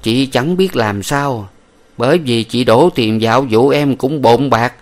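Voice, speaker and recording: A man voicing a shrewd, smooth-talking brothel madam in an audiobook, coaxing and sweet. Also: mid-range voice, a little slow, voice pushed up, natural voice. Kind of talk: audiobook character voice.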